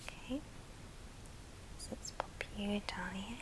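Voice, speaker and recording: Gently showing items in an ASMR show and tell, a female video host whispers in a breathy, unvoiced way, leaving pauses between short phrases. Her pitch is medium. The recording is rough.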